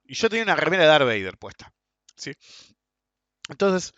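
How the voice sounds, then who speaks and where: Argentine man, blunt casual ranter with crude slang; forceful bright tone, dull lo-fi capture. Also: a little high, sing-song, a little fast, no echo. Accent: Argentine Spanish. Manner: blunt and crude, tags sentences with "ok?" and "viste?". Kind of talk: casual ranting monologue. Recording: dull, lo-fi and dry.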